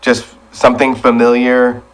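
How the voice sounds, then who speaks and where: A man's voice: mid-range voice, completely flat delivery, normal speed, crowd noise, low-quality recording. A man hosting a casual culture podcast, talking in a laid-back, reflective way and steering the conversation. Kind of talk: casual chat.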